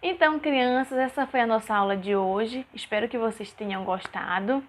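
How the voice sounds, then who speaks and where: A woman's voice: on the high side, moderate pace. A woman teaching young children in a recorded lesson, with a patient sing-song way of breaking words into syllables. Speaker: primary school teacher.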